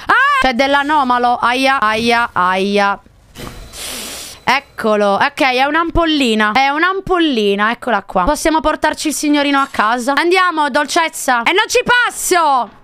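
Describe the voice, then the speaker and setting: A woman's voice: high voice, moderate pace, sharp tone, clean tone, dry recording. A young adult woman commenting live on a horror game, jumpy, screaming and swearing at the scares and chatting with her viewers. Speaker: streamer playing a horror game.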